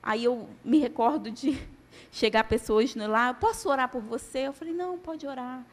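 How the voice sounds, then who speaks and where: A woman's voice: on the high side, moderate pace. A woman giving a church testimony as a sermon, telling her story dramatically and acting out the dialogue.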